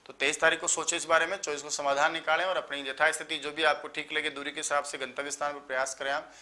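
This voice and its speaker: A man, tired after just waking up, teaching a live online exam-prep lecture and listing terms in quick runs. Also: a little high, flat delivery, bright, forceful tone. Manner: explanatory, lists terms in quick runs, addresses students as sir.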